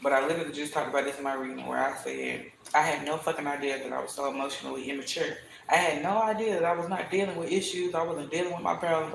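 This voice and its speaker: A man with a fairly high voice gives a live tarot reading in a casual, profane and preachy way. He talks bluntly and emphatically. The sound carries a roomy echo with a faint hiss behind it. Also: gravelly. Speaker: tarot reader streaming live.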